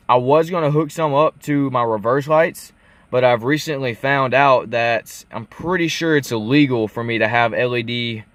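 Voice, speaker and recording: Sitting in a parked car, a young car vlogger chats casually and off the cuff, rambling through folksy explanations. His pitch is medium, and the recording is dry.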